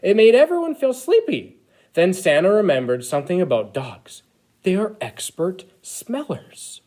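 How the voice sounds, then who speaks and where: Man playing an animated, childlike Christmas elf storyteller. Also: high voice, unhurried, full character voice. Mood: eager storytelling. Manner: expressive, exaggerated, addressing children. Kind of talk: animated picture-book read-aloud.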